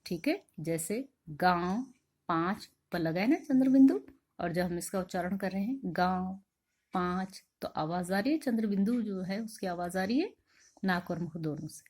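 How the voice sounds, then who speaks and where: Woman teacher doing a grammar lesson, asks stuff then answers it herself, drags out the examples, mid pitch. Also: expressive, a little mellow. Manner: explains step by step, asks questions and answers them herself; drawn-out, carefully spoken examples. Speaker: school teacher.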